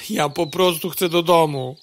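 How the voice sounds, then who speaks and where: A woman playing an excitable, hungry, whiny fly in a comic radio play, exclaiming and grumbling melodramatically. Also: low-pitched, normal speed, a little hiss or hum, close to an everyday voice. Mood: embarrassed. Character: hungry, whiny, excitable young female fly named Lena.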